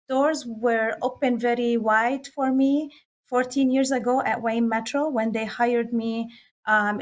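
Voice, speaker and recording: A woman in her forties from Lebanon, an Arabic speaker, speaking sincerely and a little haltingly as a nonprofit director at a town hall. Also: fairly high pitch. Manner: sincere, hesitant, many fillers. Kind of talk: prepared remarks on a telephone town hall.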